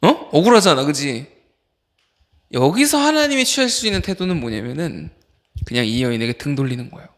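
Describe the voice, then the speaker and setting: A man's voice: on the high side, fairly quick. A man, an associate pastor, preaching informally to a youth group, firing questions at the teens and calling on them by name. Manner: animated, fires questions at listeners. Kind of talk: youth sermon.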